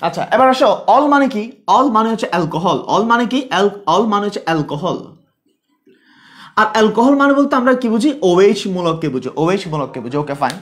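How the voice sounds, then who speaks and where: Teaching biology in a live online class, a man from Bangladesh speaks quickly in a high voice with big swings in pitch. His style is casual: he asks questions, answers them on his own, and goes back over important points.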